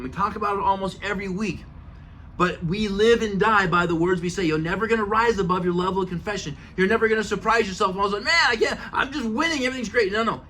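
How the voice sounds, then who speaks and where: A man's voice: high-pitched, pushed and bright, slight background noise. A middle-aged man hosting a show, giving an earnest, emphatic motivational talk and chanting affirmations. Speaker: show host.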